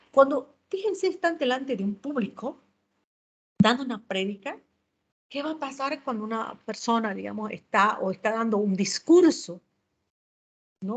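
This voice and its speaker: A woman teacher giving a lecture on public speaking, explaining step by step and often checking in with short tag questions. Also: on the high side.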